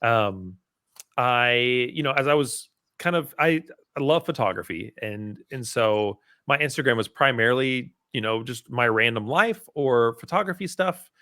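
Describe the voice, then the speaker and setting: A man, a podcast guest who details cars part time, talking in a relaxed, rambling way with lots of "you know" and "um". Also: medium pitch, unhurried, no room sound, studio quality. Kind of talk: casual conversation.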